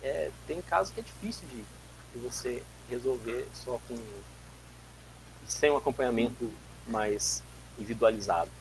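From his home office, a Brazilian physics teacher in his forties gives an animated guest lecture over a video call, gesturing a lot and telling anecdotes with many restarts. His mid-range voice moves at a normal speed through a webcam mic, and the poor audio carries a little hiss or hum.

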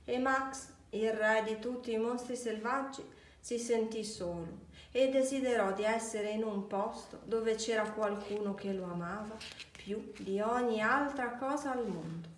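A woman reading a children's picture book aloud for a library, with slow, deliberate storytelling. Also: on the high side, slight background noise. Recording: echoey room, distant mic.

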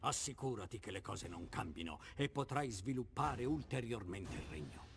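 An actor playing a formal, flattering advisor to a ratmen lord in a video game, solemn and deliberate. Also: male voice, on the low side. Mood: solemn counsel. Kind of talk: dramatic video game narration.

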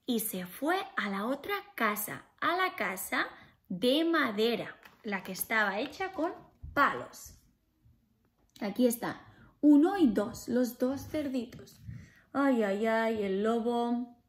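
A woman reading a children's story aloud with a high, bright-sounding pitch. She takes her time and speaks expressively, turning to talk to young listeners. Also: expressive, slow.

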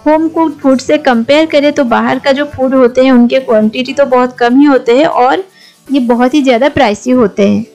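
A slightly fast, high voice belongs to a middle-aged woman from India who hosts a home cooking channel. Her friendly kitchen tips come as a voice-over in Hindi peppered with English words, set over soft music.

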